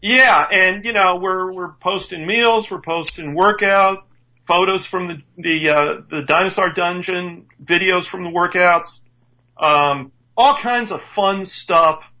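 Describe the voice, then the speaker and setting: On a casual radio show, a man in his fifties who works as a strength coach talks with enthusiasm and occasionally trips into restarts. The recording is low quality, and his high-pitched voice sounds pushed and bright as he speaks slowly.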